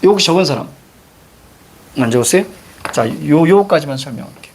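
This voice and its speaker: A male teacher giving a brisk literature lecture, directing students and firing quick questions at them. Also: on the high side, lively intonation, a little hiss or hum. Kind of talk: classroom lecture.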